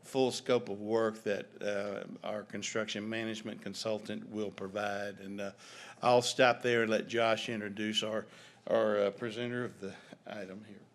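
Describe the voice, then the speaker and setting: A man, a district administrator, explaining agenda items at a board meeting in a measured, businesslike way. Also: lowish voice, level tone.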